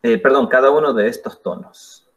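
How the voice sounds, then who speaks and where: A man teaching an English class, explaining slowly and patiently with spoken examples. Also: mid-range voice, fairly bright tone, lo-fi sound. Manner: slow, patient explaining with demonstrations. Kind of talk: classroom lesson.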